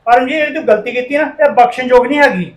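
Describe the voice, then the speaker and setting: ਗੁੱਸੇਖ਼ੋਰ ਰਿਸ਼ਤੇਦਾਰ, ਔਰਤ ਵੱਲੋਂ, ਝਿੜਕਦੀ, ਗੂੰਜਦੀ ਆਵਾਜ਼. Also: female voice, high voice, fast, reverberant, close to an everyday voice. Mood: reproachful. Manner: harsh, reproachful. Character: angry relative accusing a thief.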